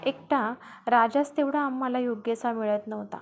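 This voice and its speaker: A woman narrating an audiobook novel in the first person, with steady storytelling delivery. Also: on the high side, normal speed, slight background noise.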